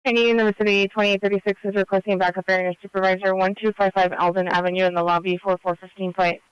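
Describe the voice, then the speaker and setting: A man's voice: high voice, flat delivery, fast, clean tone, dry recording, poor audio. A man working as a police radio dispatcher, giving clipped procedural calls over a scanner radio.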